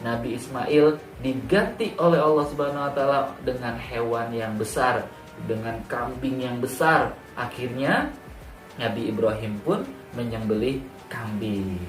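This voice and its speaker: A man's voice: mid-range voice, a little slow. Echoey male children's storyteller. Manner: expressive, addresses young listeners directly with emphatic repetition. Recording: roomy echo, distant mic, background music. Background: music.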